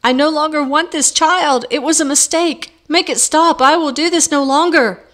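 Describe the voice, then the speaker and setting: A woman reading aloud voices a shrill, hysterical miller's wife in labor, screeching insults. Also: normal speed, fairly bright tone. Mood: panicked.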